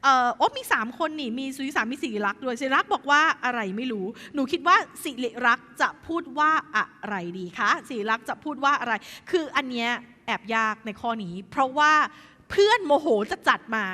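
A woman teaching English to students in a school, chatty and lively, asking the class questions as she goes. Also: high voice, brisk. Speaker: English tutor. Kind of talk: classroom tutoring session. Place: school hall. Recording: echoey hall.

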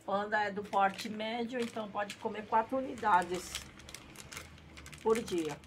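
Recorded in a small tiled yard or patio with clear outdoor background noise, this pet product review vlog is hosted by a middle-aged Brazilian woman. Her mid-range voice moves a little slowly, and her manner is playful and cutesy, with Japanese catchphrases mixed in.

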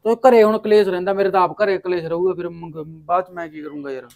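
A man's voice: high voice, fairly even intonation, fast talker, gravelly, darkish tone. An actor playing a young adult son who bluntly insists on getting his share. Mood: insistent. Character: impatient grown son demanding his share. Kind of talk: village family drama acting.

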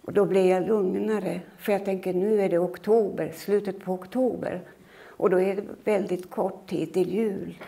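A woman in her eighties, originally from Finland, giving a lecture in which she recounts her own life in a measured, reflective way. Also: mid-range voice, steady tone, gravelly, dark tone. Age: 80s. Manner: measured, reflective storytelling that acts out her own remembered words. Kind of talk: personal storytelling lecture.

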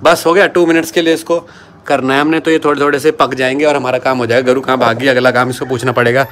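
A man with a medium-pitched, fairly bright voice talks fast with little pitch movement, and there's slight background noise. He's a vlogger filming a home cooking vlog on his phone, chatting casually and playfully and teasing as he goes.

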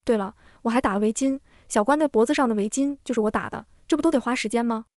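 A woman voicing a lively, chatty young woman quick to defend herself in an audio comic. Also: on the high side, no echo, clean studio sound, natural voice. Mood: defensive.

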